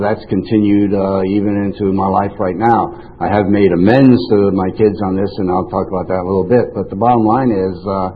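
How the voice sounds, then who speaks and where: Speaking to a recovery meeting group, an older New York man whose first language was French tells his own story informally, wandering back over points and cutting himself off. His fairly low voice comes through a thin, tinny, radio-like band-limited recording with slight background noise.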